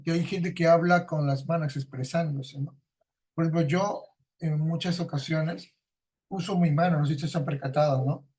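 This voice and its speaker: A man's voice: a little high, darkish tone. A man teaching a class, explaining through everyday examples, repeating his points and tagging nearly every sentence with a questioning "no?". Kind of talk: lecturing a class.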